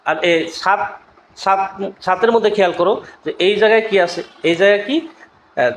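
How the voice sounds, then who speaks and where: A man's voice: sits high, fast talker, echoey room, slight background noise, rough recording. A man teaching an exam-prep lesson in a chatty way, repeating points and often checking in with his students. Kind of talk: casual video lesson.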